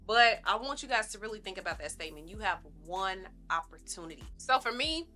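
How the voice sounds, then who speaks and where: Bright, forceful woman vlogger chatting encouragingly. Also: medium pitch, expressive, fairly quick, faint music behind. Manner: conversational, encouraging, emphatic, addresses viewers as y'all. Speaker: lifestyle vlogger. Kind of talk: casual chat, listing self-help tips to viewers.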